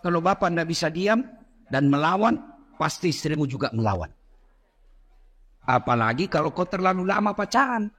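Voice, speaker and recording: A man's voice: a little high, animated, normal speed, long pauses, fairly bright tone. A middle-aged man with an Indonesian accent giving a humorous sermon in a mosque, joking with the audience. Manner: jokey, acts out quoted voices, addresses audience directly. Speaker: preacher.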